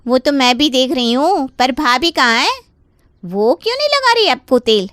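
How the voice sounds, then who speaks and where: A woman's voice: high voice, sing-song, moderate pace, fairly bright tone, no room sound, clean studio sound. A woman voicing a scheming young married woman in a cartoon story, taunting and falsely innocent. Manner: sly, taunting, fake-innocent whining. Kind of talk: Hindi cartoon voice acting.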